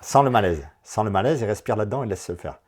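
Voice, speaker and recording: Husky guy coaching a client, low voice, upbeat and pushy in a friendly way. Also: quick pace. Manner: animated, encouraging, talks in bursts. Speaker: enneagram coach. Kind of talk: coaching session.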